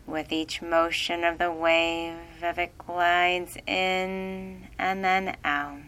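Slow, low-voiced woman guiding relaxation. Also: little pitch movement, smooth, faint music behind. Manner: slow, soothing, hushed. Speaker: meditation guide. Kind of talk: guided relaxation script.

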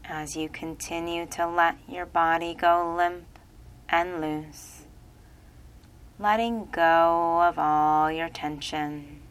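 A woman leads a listener into deep relaxation, her low voice moving at an unhurried, drawn-out crawl. Her tone is smooth and clear, and every phrase comes soft and repetitive, like a hypnotherapist's script. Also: fairly even intonation. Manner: slow soothing repetitive delivery.

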